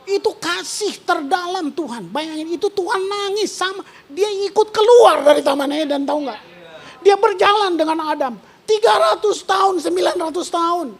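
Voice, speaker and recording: A woman pastor, preaching a sermon in an animated, slangy way with English words mixed in. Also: very high voice, normal speed.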